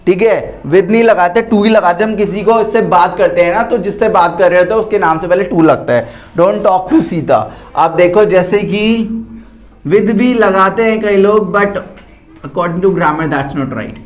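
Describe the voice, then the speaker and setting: A man's voice: sits high, unhurried. A man teaching English at home in a casual lesson, speaking Indian English with lots of fillers and repeating example sentences word by word. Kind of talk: casual spoken lesson mixing Hindi and English. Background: household noise.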